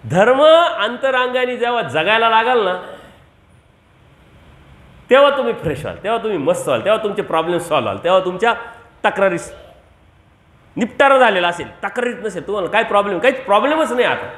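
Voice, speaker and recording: A man with a Marathi accent delivers a devotional sermon in a high, carrying voice. He presses his points by repeating phrases and putting rhetorical questions to his listeners. The sound bounces around an echoey room. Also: big pitch swings, fast talker, long pauses, a bit bright. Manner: rhetorical questions to the audience, emphatic repetition. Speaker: preacher.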